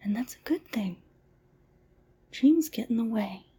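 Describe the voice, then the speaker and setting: A woman doing an ASMR roleplay as a masseuse, talking in a soft, soothing, mostly whispered, breathy voice. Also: on the high side, expressive, unhurried.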